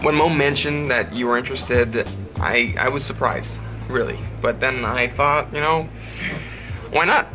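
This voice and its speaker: Slow-talking, hesitant geeky young man actor in role. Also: medium pitch, over music, lightly acted. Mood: awkward. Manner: hesitant, mild. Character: awkward, polite, geeky young man on a date. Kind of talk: sitcom acting.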